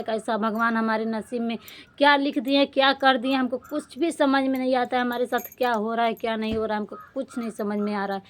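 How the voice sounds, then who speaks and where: Woman, high voice, young adult, distressed, pleading, personal vlog. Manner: defiant outburst. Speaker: vlogger.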